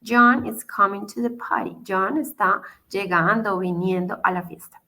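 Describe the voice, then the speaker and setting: A woman's voice: mid-range voice, unhurried, pushed and bright. A woman teaching English grammar in an online class, explaining patiently, repeating each step and checking in with her students. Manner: patient, repeats steps, asks "¿listo?" to check.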